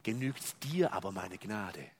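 A man preaching a sermon, speaking the words of God in a quiet, solemn and earnest way. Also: low voice, big pitch swings, measured pace, breathy edge, no echo, voice pushed down, heavily acted.

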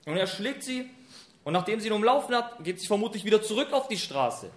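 A man preaching a sermon, retelling a scripture story in a lively, colloquial way. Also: high voice, fairly quick. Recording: echoey room.

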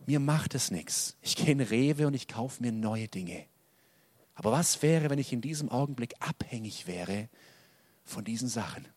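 Man preaching with loud and soft swings. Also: mid-range voice, no room sound. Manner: dynamic preaching, loud emphatic peaks dropping to soft quiet lines. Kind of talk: sermon.

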